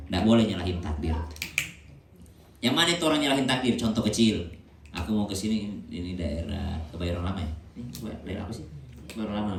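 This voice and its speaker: A male preacher giving a sermon, telling stories in a lively way and acting out the voices of the people he quotes. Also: low voice, a little hiss or hum. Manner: animated storytelling, acts out quoted voices. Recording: echoey room with faint ambience.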